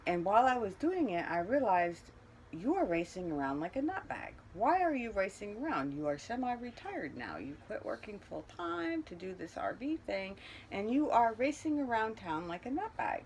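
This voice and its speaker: A middle-aged vlogger with a mid-pitched voice chats in a loose, candid ramble. The talk is unscripted and casual, recorded inside a small trailer with some faint background noise. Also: sing-song, normal speed, darkish tone.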